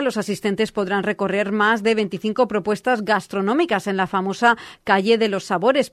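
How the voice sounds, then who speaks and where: A woman's voice: mid-range voice, no echo. Woman reading local radio news, dry studio sound. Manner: steady, clear newsreader delivery.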